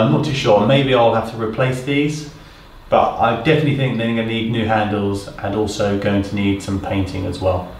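A man's voice: medium pitch, slight background noise. UK man in his thirties, casual renovation vlogger, roomy echo, mic a little distant. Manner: relaxed, thinking aloud with many ums. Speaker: property renovator. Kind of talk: casual walkthrough vlog. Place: empty house, bare indoor rooms. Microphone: camera mic at a distance. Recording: echoey empty rooms, slightly distant mic.

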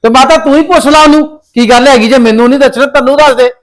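Actor as an angry, high-voiced brother in a family drama, scolding fast. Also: male voice, natural voice. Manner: loud, scolding. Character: angry brother, head of the young household.

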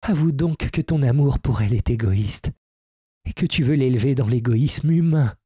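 Male reader doing a raised, ageless storybook fairy woman, insistent and reproachful, husky edge, dry close sound. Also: medium pitch, moderate pace, mellow, dry recording, voice pushed up, close to an everyday voice. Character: ageless female fairy, proud and pleading. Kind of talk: audiobook character reading.

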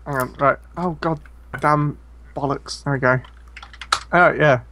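A man's voice: a little high, steady tone, a little slow, bright, forceful tone, slight background noise. A man, a podcast guest, joking and rambling through casual banter.

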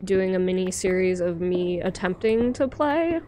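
A woman's voice: lowish voice, expressive, unhurried, mellow. A woman in her twenties chatting casually as a livestream guest who reads out the chat. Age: 20s. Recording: clear background noise.

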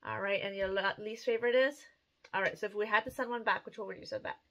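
A woman's voice: medium pitch, fast talker. A woman chats casually and expressively to the camera in a small room at home. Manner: chatty, expressive. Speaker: host of a candle review video, mother.

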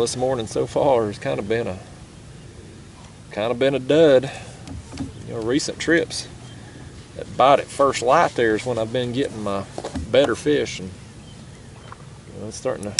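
A man's voice: mid-range voice, gravelly. A young man, talking casually to camera from a kayak on a foggy river, easygoing and chatty. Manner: easygoing, chatty, drawls "y'all" and "ain't". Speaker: fishing vlogger. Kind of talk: casual talk to camera while fishing. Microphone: action camera mounted on the kayak. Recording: faint outdoor river noise.

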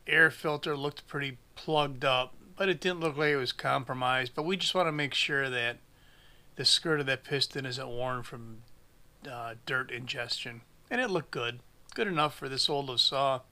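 A clean, bright and forceful mid-range voice belongs to a small engine shop mechanic in his forties, narrating a chainsaw repair at the bench. He thinks aloud while working, speaking plainly with a dry sense of humor.

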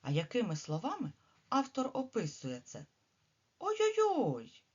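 Expressive woman teacher reading to children. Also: mid-range voice, measured pace, husky, lo-fi sound. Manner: expressive, coaxing questions to children. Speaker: kindergarten teacher. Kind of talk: reading a story aloud and questioning children.

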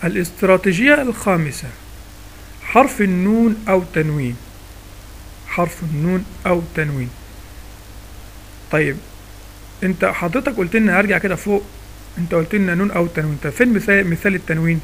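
A man's voice: sits high, fast, pauses often, fairly bright tone, a little hiss or hum. A man with an Egyptian accent teaching a recitation lesson in a casual spoken style. He asks himself questions and then answers them step by step. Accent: Egyptian Arabic.

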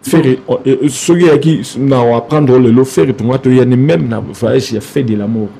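Animated man with a mellow voice. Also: mid-range voice, fairly quick, gravelly, husky. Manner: animated, repeats himself, trails off. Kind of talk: casual interview talk.

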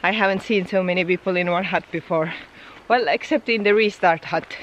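A woman's voice: on the low side, brisk, dull audio, a little hiss or hum. A woman recording a casual hiking vlog outdoors on a mountain trail, chatty and easygoing, often laughing between remarks. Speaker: hiking vlogger. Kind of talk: casual vlog chat to camera.

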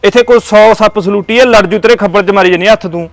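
A man's voice: high-pitched, fast talker, gravelly. A man playing an exasperated husband caught between his wife and his mother, bickering with both. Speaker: husband and son. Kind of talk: village comedy drama.

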